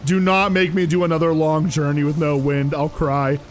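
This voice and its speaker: A young man live-streaming a video game, chatting casually with his viewers in an animated, exasperated ramble full of fillers. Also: a little high, moderate pace, faint music behind, low-quality recording. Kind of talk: casual live-stream chat while playing.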